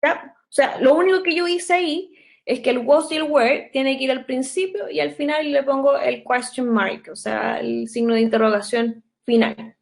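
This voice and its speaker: A young woman teaching English grammar in an online class, explaining patiently step by step and slowing down to dictate sentences. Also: high-pitched, creaky, poor audio.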